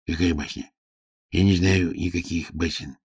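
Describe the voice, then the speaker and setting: A man voicing a vain, capricious, suspicious little male king in an audiobook drama, with a husky low voice. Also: steady tone, moderate pace, darkish tone, no echo, clean studio sound.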